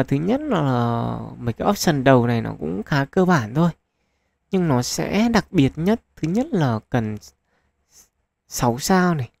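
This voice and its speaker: A man casually commenting on a mobile gacha game as channel host, chatty, thinking aloud with lots of fillers and getting excited at lucky pulls. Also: on the high side, creaky.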